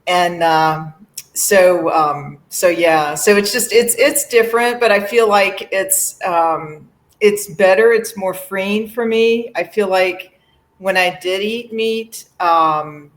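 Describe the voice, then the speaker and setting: A middle-aged woman from Virginia, a musician guest in a casual interview, friendly and quick to laugh, with many fillers. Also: mid-range voice.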